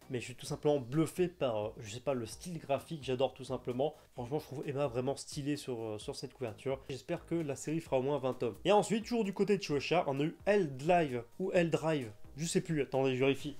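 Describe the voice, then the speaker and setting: A man's voice: medium pitch, quick pace, dark tone. A young man hosting a casual video, chatting enthusiastically with frequent hesitations. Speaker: manga news YouTuber.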